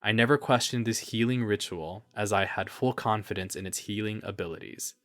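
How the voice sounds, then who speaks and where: A man's voice: fairly low pitch, a little fast, fairly bright tone. A man hosting a personal podcast, speaking in an earnest, reflective, openly emotional way with loose, rambling asides. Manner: loose, rambling asides between read passages. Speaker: podcast host.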